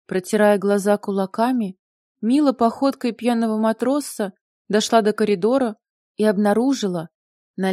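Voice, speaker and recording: A woman narrating an audiobook with lively, wry storytelling. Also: a little high, no room sound, clean studio sound. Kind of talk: scripted narration.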